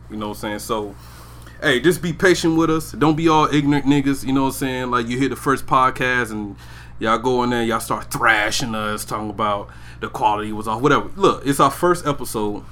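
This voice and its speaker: Speaking fairly quickly in a medium-pitched, slightly bright voice, a Georgia man co-hosts a podcast and just rambles in easygoing chat. His talk is loose and slangy, and "you know what I'm saying" keeps coming up.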